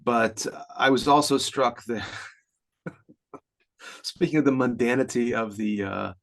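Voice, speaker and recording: A man's voice: medium pitch, a little slow, gravelly. A man in his fifties co-hosting a podcast, chatting casually in a rambling, explanatory way with frequent chuckles. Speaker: podcast co-host. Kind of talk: casual chat.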